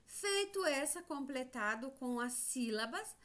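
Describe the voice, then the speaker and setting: A woman's voice: high-pitched, expressive, unhurried, a bit bright. A woman teacher with a Brazilian accent, walking children through a class exercise in a sing-song, prompting way. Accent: Brazilian Portuguese. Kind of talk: remote class lesson.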